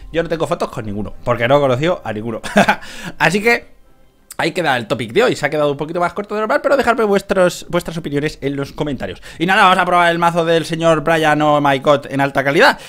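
A man from Spain giving casual gameplay commentary, excitable, shouting at the game, cursing and laughing as he plays. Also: on the high side, quick pace, faint music behind. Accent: Spain Spanish. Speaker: gaming youtuber.

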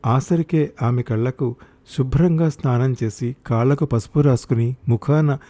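A man narrating a short story for an audiobook in a measured, expressive way. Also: mid-range voice.

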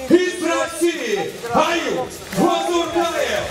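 Echoing, very high-pitched male ring announcer. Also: expressive. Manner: ceremonial, drawn-out announcing. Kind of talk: formal fight introductions. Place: large indoor boxing hall. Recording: distant PA in echoey crowded hall. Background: loud music and crowd.

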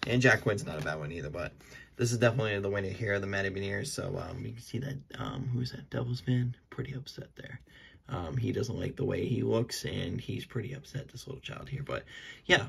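A man's voice: lowish voice, creaky, husky. A young man casually talking through opening packs of trading cards, rambling with frequent ums and small self-corrections. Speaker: card-opening video host. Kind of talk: casual unscripted commentary.

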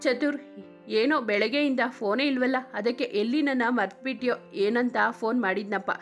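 A woman's voice: a little high, brisk, faint music behind, close to an everyday voice. A woman reading the lines of a teasing, charming young man in love in a story. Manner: teasing, joking.

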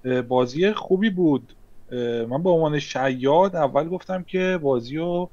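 A man's voice: a little high, mellow, dry recording. A man thanking the judges and beginning a recap of his play as a player in an online mafia game, hesitant. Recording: dry lo-fi online call audio.

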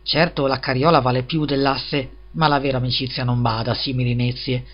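A man's voice: medium pitch, level tone, fairly quick, lightly acted. A man reading a storybook and voicing a greedy, self-serving miller who wheedles and preaches about friendship. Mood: predicatorio. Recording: slightly dull lo-fi recording.

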